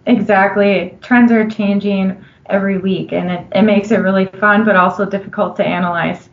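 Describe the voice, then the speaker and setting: A woman's voice: medium pitch, steady tone, moderate pace, gravelly, muffled recording. A woman with a Minnesotan accent, a friendly, upbeat analyst guest in a casual interview who laughs easily.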